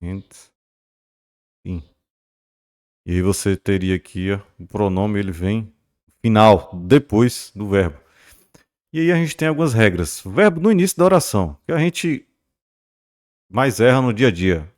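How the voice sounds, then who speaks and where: A man with a Brazilian accent teaching a grammar lesson at a board, pointing things out, repeating key words slowly and checking in with the class. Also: lowish voice, animated, a little mellow, dry recording, studio quality.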